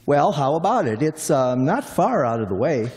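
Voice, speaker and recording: A man's voice: fairly high pitch, sing-song, moderate pace, darkish tone. A man playing a chatty, folksy middle-aged cab driver in a radio play, rambling on in a drawl. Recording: long hall reverb.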